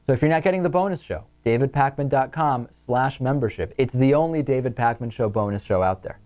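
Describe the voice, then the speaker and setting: Briskly and a little mellow, an American male host offers talk-show commentary at a medium pitch, alternating between letters from listeners and his personal remarks.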